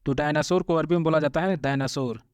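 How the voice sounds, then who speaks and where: A man's voice: a little high, no echo, clean studio sound. Man patiently drilling vocabulary words. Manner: repeats each word slowly and clearly. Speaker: language teacher. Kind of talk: vocabulary lesson.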